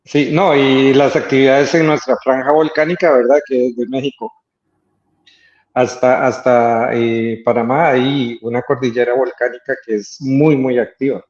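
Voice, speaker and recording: A man with a Costa Rican accent, speaking as an interview guest about his life as an artist, thoughtful and hesitant with many filler pauses. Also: mid-range voice, steady tone, a little mellow. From Costa Rica. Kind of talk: interview conversation. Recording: roomy, slightly dull sound.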